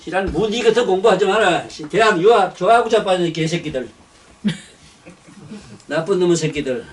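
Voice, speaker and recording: An older man preaches, his voice pitched high for a man. He rants bluntly, cursing and circling back over the same words. He sounds set back from the microphone. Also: animated, moderate pace, far from the mic. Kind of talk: sermon.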